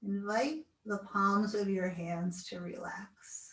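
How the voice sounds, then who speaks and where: A woman guides a relaxation session at a very slow, unhurried pace. Her delivery is gentle and soothing, with an average pitch. She sounds set back from the microphone in an echoey room. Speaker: yoga relaxation instructor. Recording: roomy echo, distant mic, video call recording.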